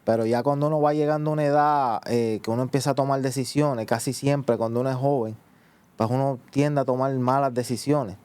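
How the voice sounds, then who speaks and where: A man with a Puerto Rican accent telling his personal testimony, halting and filling with "eh" and "pues". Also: mid-range voice, fairly even intonation, a little mellow, smooth, dry recording. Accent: Puerto Rican Spanish. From Puerto Rico. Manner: halting, many "eh" and "pues" restarts. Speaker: guest giving testimony.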